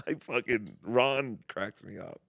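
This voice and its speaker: A male co-host chats casually with a teasing, deadpan humor. His voice sits fairly low. The sound is dry and close. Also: takes it slowly, vocal fry, no echo. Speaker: podcast co-host. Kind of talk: casual chat.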